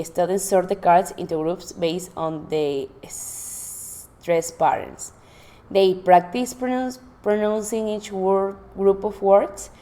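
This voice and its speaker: Reading from her notes, a female teacher lays out a lesson plan of classroom activities in a lowish, dark voice, often breaking off to start over or fix what she said.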